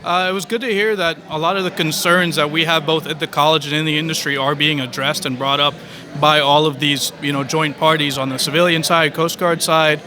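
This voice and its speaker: A man's voice: fairly high pitch, steady tone, brisk, pushed and bright. A young man from Trinidad and Tobago answering interview questions fluently and articulately as a cadet. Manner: fluent, articulate, some "you know". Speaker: college cadet. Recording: crowd chatter behind.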